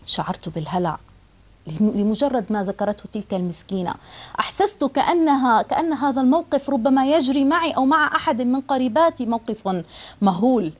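A woman's voice: high-pitched, expressive, fairly quick, darkish tone. A woman teaching a religious lesson. She explains in an earnest way and often restarts a phrase.

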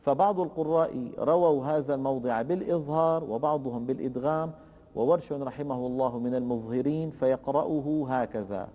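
A man teaching Quran recitation rules, explaining slowly and deliberately and chanting the verse examples in a drawn-out way. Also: mid-range voice, warm tone, big-room sound. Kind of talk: tajweed lesson with recited examples.

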